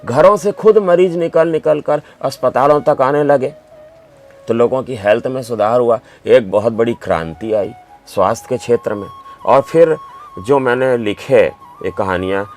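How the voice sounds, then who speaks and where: A man's voice: fairly low pitch, moderate pace, a little mellow, faint music behind. A man who is a doctor and writer, answering interview questions with emphatic, anecdotal storytelling.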